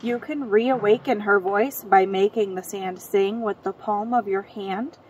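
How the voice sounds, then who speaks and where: A woman from Michigan, recorded outdoors on a cold night, reading local legends aloud in a steady storytelling way. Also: mid-range voice, unhurried, highs cut off, slight background noise. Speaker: co-host of a ghost story show. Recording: distant mic outdoors.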